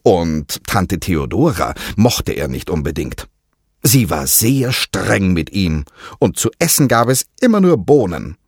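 Slow, expressive male storyteller. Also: low-pitched, husky, no room sound, studio quality. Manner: expressive, sing-song storytelling. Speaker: narrator. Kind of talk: children's story reading.

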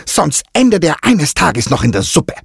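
Man playing a grumpy old aunt, hissing threats, raised pitch, husky, dry. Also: big pitch swings, normal speed, dry recording, heavily acted. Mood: threatening.

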